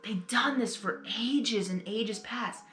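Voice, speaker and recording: On the high side and a bit bright, this woman's voice moves at a slow pace as she hosts a reaction video. She rambles through exclamatory, emotional commentary, often saying the same phrases again, over faint background music in a roomy-sounding recording.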